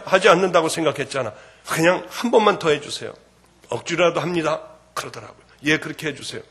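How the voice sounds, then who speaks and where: Middle-aged man, slightly high husky voice, fervent church testimony that drops to a hush and surges loud. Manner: fervent, swinging between hushed and loud. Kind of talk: emotional spoken testimony.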